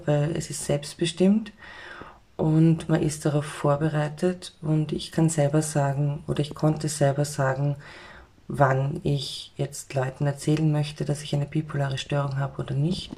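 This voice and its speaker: A woman's voice: low voice, creaky, dark tone. A Viennese woman in her forties, a podcast guest who gives thoughtful, lengthy answers. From Vienna, Austria. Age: 40s. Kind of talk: conversational interview answers.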